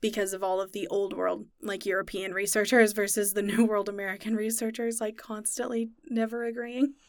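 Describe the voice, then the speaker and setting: A woman's voice: medium pitch, flat delivery, a little fast, no room sound. A young woman talks through insect facts on a casual podcast, knowledgeable and chatty. Her voice sits in a middling range and is recorded close and dry, with no room sound around it. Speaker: podcast co-host explaining science. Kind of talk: casual chat.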